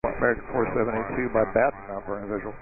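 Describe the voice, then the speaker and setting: A man's voice: fairly low pitch, steady tone, racing. A man talking as an airline pilot over the radio, giving clipped air traffic calls and readbacks. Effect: pilot heard over the radio. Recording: tinny radio transmission with static.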